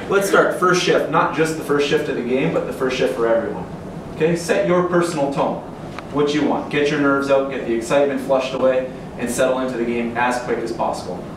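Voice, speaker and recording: A middle-aged man, a coach, gives a motivational pregame pep speech in short, clipped instructions in a locker room. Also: medium pitch. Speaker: hockey coach. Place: large indoor team locker room. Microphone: far camera across the room. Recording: echoey room, distant mic, background noise.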